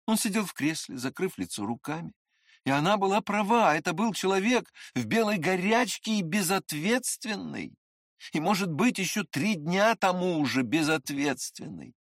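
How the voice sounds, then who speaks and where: A reader narrating a classic novel in expressive, scripted audiobook style. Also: mid-range voice, moderate pace, no room sound, clean studio sound.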